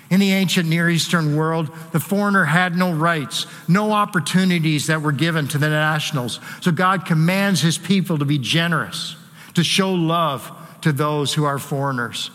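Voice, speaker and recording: A man's voice: a little high, a bit bright. A male pastor preaching a sermon, then hosting an onstage interview, earnest and a little hesitant with fillers when speaking off the cuff. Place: church sanctuary. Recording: church hall reverb.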